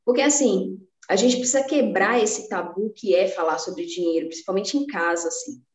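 At normal speed and in a mid-range voice, a woman with a Bahian Brazilian Portuguese accent from Salvador, Bahia, talks personal finance as a podcast guest. Her casual interview manner is earnest and motivating, full of restarts, and the sound is reverberant.

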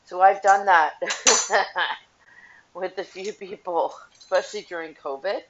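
A woman's voice: lowish voice, a little slow, very noisy. A woman hosting a casual solo podcast while washing dishes, talking bluntly and profanely, with a tinny, tin-can sound from her headset mic. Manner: blunt and profane, frank opinions. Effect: tinny, metallic tin-can sound. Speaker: podcast host. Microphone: headphones with mic. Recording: dull tin-can sound with faint dish clatter.

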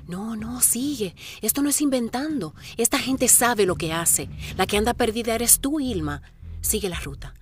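A middle-aged woman narrates her marathon in the first person, with reflective inner-monologue narration and sudden bursts of excitement. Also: on the high side, moderate pace, a little hiss or hum.

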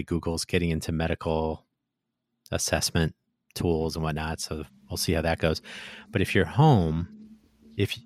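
Man, very deep voice, casual tech talk, thoughtful, halting, dry close sound. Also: dry recording. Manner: thoughtful, hesitant, many restarts and fillers.

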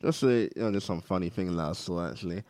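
A young man, hosting a casual chat and telling animated anecdotes. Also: deep voice, fast, no room sound. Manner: animated storyteller, laughs through anecdotes. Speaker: podcast host.

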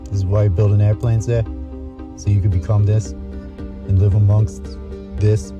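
A man's voice: lowish voice, flat delivery, a little slow, close to an everyday voice. A man playing a tired married factory worker who mutters and rambles through his journal entries in a comedy voice-over. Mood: deflated. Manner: rambling, muttering, wry self-talk. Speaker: journal writer. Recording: muffled lo-fi with music behind.

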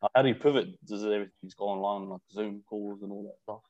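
Fast-talking New man hosting. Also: fairly low pitch, fairly even intonation, a little mellow. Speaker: podcast host. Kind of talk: casual, slangy interview chat. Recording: slightly dull call audio.

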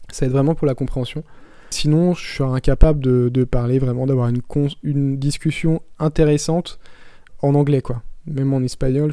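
A podcast host talks to his listeners in a frank, easygoing way. His voice is very dark and smooth, with a fairly flat melody. The recording is dry and close, with no room sound. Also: medium pitch, no echo. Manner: frank, conversational, addresses the listener directly. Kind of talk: casual podcast monologue.

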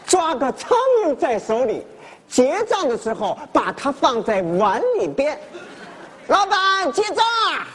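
An actor playing a boastful male freeloader who cons restaurants, talking loud, indignant and theatrical in a stage comedy sketch. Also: very high voice, lively intonation, unhurried, some chatter behind, slight background noise. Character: boastful freeloading male con man diner.

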